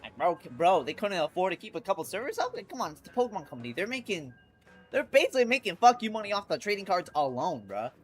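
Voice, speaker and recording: Talking fast in a sing-song, medium-pitched voice, a congested streamer chats casually about games over music. His talk is sweary and slangy, with phrases repeated and restarted often.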